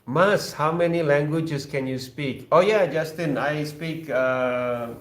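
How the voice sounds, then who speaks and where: This man, a Sundanese native speaker with an Indonesian accent, hosts a casual live chat stream, joking with and teasing viewers amid lots of fillers and restarts. His voice sits a little high, his pace is slow, and the sound is roomy.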